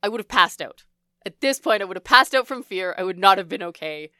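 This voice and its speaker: A woman with a bright, mid-high voice co-hosts a casual book podcast while getting over a cold. She is jokey and colloquial, throwing in little sound effects, and is recorded close and dry. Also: lively intonation, brisk, clear, resonant tone, no echo. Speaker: podcast co-host. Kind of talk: casual book recap chat.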